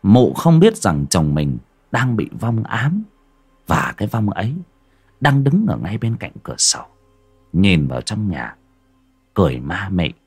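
Breathy man narrating a ghost story. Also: measured pace, soft background music. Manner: dramatic, expressive, drops to low hush at eerie moments. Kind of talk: scripted horror story narration.

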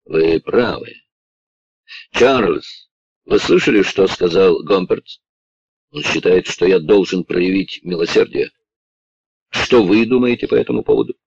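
A man reading an audiobook and voicing a cold, commanding gentleman who speaks in a stern, clipped manner. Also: sits low, animated, measured pace, creaky, long pauses, husky, muffled recording, heavily acted.

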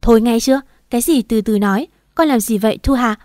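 A woman's voice: medium pitch, moderate pace, dry recording, natural voice. Storybook: woman voicing a stern, commanding older matron. Dry sound. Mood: irritated. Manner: irritated, commanding.

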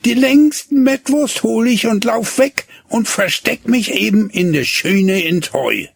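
A man reading aloud and voicing a gruff, boastful young herd boy who talks curtly. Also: high-pitched, expressive, a little slow, no room sound, studio quality, pitched above the performer's own voice, full character voice. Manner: curt, blustering.

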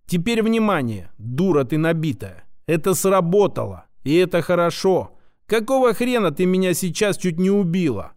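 A man's voice: high-pitched, sing-song, moderate pace, a little mellow. Man putting on a scornful plump lady scientist. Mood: lecturing. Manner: mocking, name-calling, lecturing. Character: sarcastic plump female scientist, abrasive and scolding.

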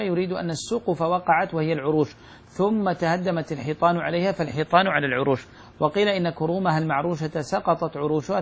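A man reads a classical religious commentary aloud for a class. He moves through the text at a fast, steady pace and slows down when he quotes a verse. His voice sits fairly high for a man and has a husky, gravelly grain. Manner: quick steady reading, slowing to quote verses. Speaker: student reading the text aloud.

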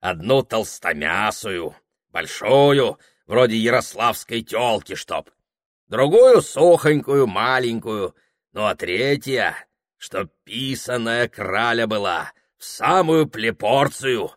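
Man doing a rowdy bearded gold-digger, boastful and loud, greedy, his speech unhurried and drawling, in a slow audiobook read, with a dry close sound and nothing around it. The voice is pushed up from the reader's low, middle-pitched tone. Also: animated, dry recording, exaggerated voice. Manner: swaggering and loud.

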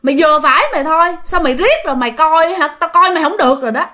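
A woman's voice: a little high, expressive, fairly quick, bright, forceful tone. A woman voicing an elderly mother who angrily scolds her grown son. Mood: scolding. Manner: scolding, exclaiming.

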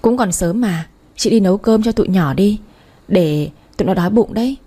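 A woman's voice: medium pitch, lively intonation, moderate pace, dark tone, breathy edge. A woman voicing a fierce, outspoken young woman who scolds and protects her family, speaking sharply. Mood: firm caring.

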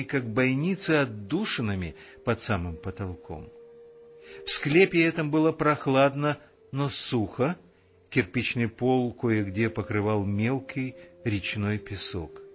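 Man, audiobook narration, calm, measured, mid pitch, dull sound. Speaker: audiobook reader.

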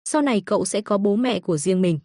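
A woman voicing a calm, firm young female exorcist who speaks gently but with authority. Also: medium pitch, quick pace, no room sound, studio quality, close to an everyday voice.

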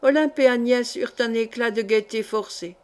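Woman audiobook narrator, somewhat high voice, expressive literary reading. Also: moderate pace. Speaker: audiobook reader.

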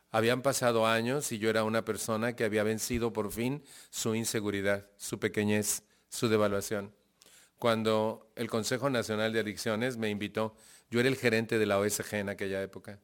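A man with a Mexican accent speaks to a live group at a medium pitch. He tells his story with energy, acts out both sides of conversations, and often checks in with the listeners. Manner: animated storytelling, acting out dialogue, asking the audience questions. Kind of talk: testimonial talk to a live group.

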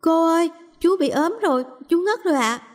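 A woman's voice: sits high, normal speed, pitched above the performer's own voice. A woman voicing a sweet but cunning little girl in a storybook reading, with a pleading childlike manner. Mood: shouting. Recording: long reverb.

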